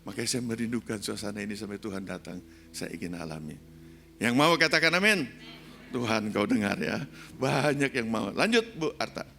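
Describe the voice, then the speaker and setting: An older man, a pastor, preaching a sermon, moving between soft low asides and loud, high-pitched exhortation. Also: animated, brisk, creaky, slight background noise. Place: church sanctuary.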